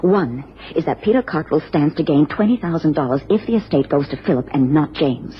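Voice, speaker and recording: This old radio drama recording is dull and noisy. A woman voices a worried, genteel American wife, her low voice expressive and fairly quick as she speaks earnestly and formally with careful phrasing.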